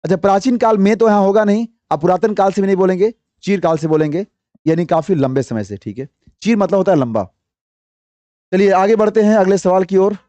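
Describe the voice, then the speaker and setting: High-voiced male Hindi exam tutor. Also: brisk, warm tone, dry recording, lo-fi sound. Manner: explains step by step, repeats answers, quizzes viewers. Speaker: exam prep teacher. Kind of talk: online exam-prep lesson.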